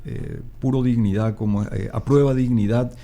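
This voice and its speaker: A man's voice: medium pitch, fairly even intonation, normal speed, creaky, dark tone. A man, a guest explaining his views emphatically in a radio interview, with many hesitations. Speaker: political commentator guest.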